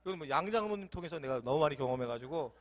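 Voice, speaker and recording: A man's voice: on the high side, expressive, very fast. A male pastor preaching a sermon in a church, playful and often laughing.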